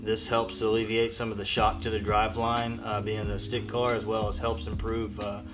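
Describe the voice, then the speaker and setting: A man in his thirties reciting the parts list of his car build in a steady, matter-of-fact way, with frequent "uh" and "um". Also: lowish voice, normal speed, music in the background. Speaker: car owner. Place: garage shop, indoors.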